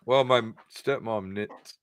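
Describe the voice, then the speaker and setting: A man's voice: medium pitch, slow, a crowd in the background. A man co-hosting a podcast in a studio, explaining things in a laid-back way with crude humor. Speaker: podcast co-host. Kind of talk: casual chat.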